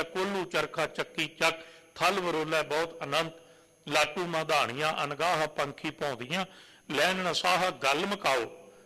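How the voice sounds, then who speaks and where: A male preacher with a fairly high, very bright and forceful voice. He asks questions of the congregation, then draws out sacred verses in a slow chant. His voice rings with the long reverb of a big hall. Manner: poses rhetorical questions, then recites verses slowly and drawn out. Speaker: Sikh preacher. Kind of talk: sermon with recited scripture.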